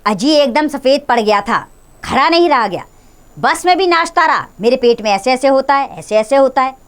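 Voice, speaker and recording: A woman's voice: sits high, animated, normal speed, smooth. A woman voicing a flustered father who hurriedly explains his son's stomach trouble, in a read-aloud play. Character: flustered father of sick boy.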